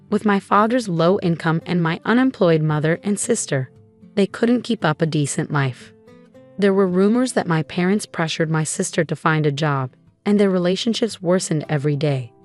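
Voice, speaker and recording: A woman reading a first-person story in an even, measured way as a scripted narration. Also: lowish voice.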